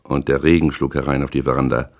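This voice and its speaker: A man with a very deep, low voice and little pitch movement narrates a hard-boiled crime story in the first person. He reads in a measured, deliberate way, paced like a scripted audiobook.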